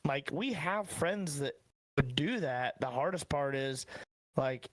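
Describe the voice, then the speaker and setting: A man's voice: fairly high pitch, lively intonation, slow, a bit bright, no room sound. A man in his thirties with a Midwestern American accent, co-hosting a podcast in rambling, casual chat that swears freely. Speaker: podcast co-host.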